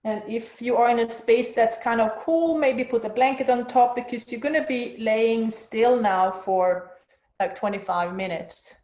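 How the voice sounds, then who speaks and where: A woman leading guided yoga and meditation in a gentle, soothing way, with spacious phrasing. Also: fairly high pitch, a little slow. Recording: roomy, echoing space.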